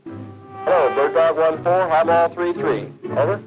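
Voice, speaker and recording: A man's voice: a little high, unhurried. Muffled helmet-radio military pilot, played by a man. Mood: businesslike. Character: businesslike male attack pilot on radio. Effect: helmet radio transmission. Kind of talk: clipped military radio procedure talk. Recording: muffled vintage film, radio noise, music behind.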